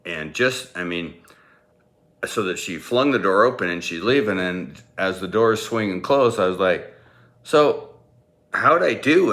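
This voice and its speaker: A man's voice: fairly low pitch, pushed and bright. A man, a former teacher, telling a personal story in a casual, rambling way, chuckling now and then. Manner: amused, rambling, chuckles as he talks.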